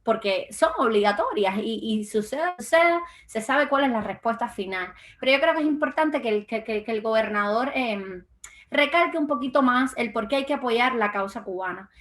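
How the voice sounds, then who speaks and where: This is a young woman from Cuba, speaking as an interview guest in a political talk. Her voice sits a little high for a woman. She talks hesitantly, with frequent fillers and repeated words as she works out her points. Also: animated, normal speed, fairly bright tone. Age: young adult. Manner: hesitant, many fillers and restarts. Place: lives in Florida.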